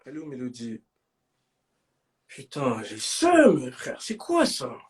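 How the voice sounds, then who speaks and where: A young man hosting a live stream in casual banter, slangy and bursting into shouts. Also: mid-range voice, wildly swooping pitch, unhurried.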